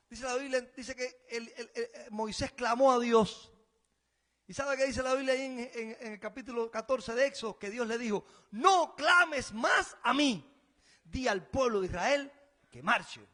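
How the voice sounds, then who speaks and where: High-voiced emphatic Cuban pastor. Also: male voice. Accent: Cuban Spanish. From Cuba. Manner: emphatic preaching, rising loud on key phrases, then dropping quiet. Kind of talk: sermon.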